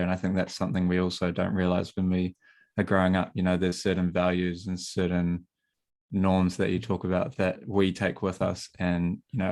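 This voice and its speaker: A man co-hosts a casual podcast. His voice is very low and level, with little rise and fall. He speaks in a calm, measured way. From rural New Zealand. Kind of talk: casual interview chat.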